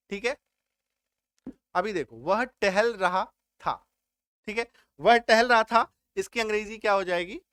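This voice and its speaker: A man's voice: sits high, a bit bright, no room sound, clean studio sound. A man teaching English grammar step by step, often stopping to check whether his students have understood. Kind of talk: spoken grammar lesson.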